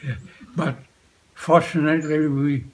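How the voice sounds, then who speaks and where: An elderly man, a veteran, remembering his past in an unscripted interview, speaking in short, halting phrases with frequent pauses. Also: on the high side, flat delivery. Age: 80s or older. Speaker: war veteran being interviewed. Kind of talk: unscripted reminiscence, recalling the past.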